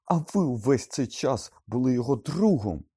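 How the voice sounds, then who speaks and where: A man voicing a furious, shocked teenage boy in an audiobook reading, shouting with a breaking voice. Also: sits low, brisk, slightly rough, voice pushed up. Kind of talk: audiobook character voice.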